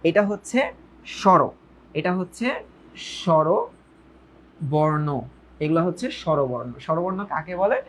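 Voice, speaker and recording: A man's voice: sits high, expressive, fairly quick. A man teaching a grammar lecture, who repeats phrases, asks his students questions and drops English words into his talk. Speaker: Bengali grammar tutor. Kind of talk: online lecture.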